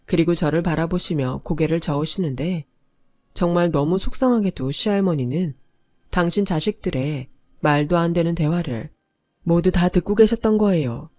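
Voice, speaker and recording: A woman telling a scripted first-person story in a plain, even, confessional way. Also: on the low side, normal speed, no room sound, clean studio sound.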